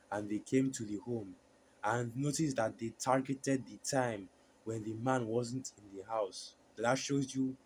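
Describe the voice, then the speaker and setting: A man at medium pitch preaches with a throat so sore his voice is hoarse. He reads scripture in fits and starts, leaning on fillers and restarting often, while slight hiss or hum runs in the background.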